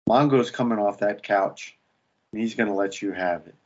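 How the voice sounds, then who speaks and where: A man's voice: lowish voice, moderate pace, a little mellow, muffled recording. A man co-hosting a podcast in casual chat, joking and swearing bluntly. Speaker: podcast co-host.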